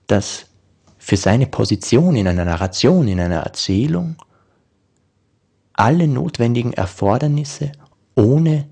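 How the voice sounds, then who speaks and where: A man reflecting in a slow, searching lecture style with academic phrasing. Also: mid-range voice, lively intonation, gravelly, dark tone, slightly rough.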